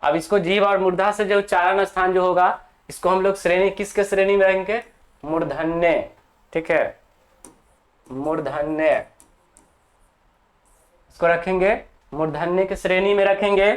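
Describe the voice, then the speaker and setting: Here the teacher's voice sits at medium pitch with a steady tone. It's a slow, deliberate grammar lesson for students preparing for exams, delivered as dictation for their notes, with key terms repeated and frequent check-ins with the class.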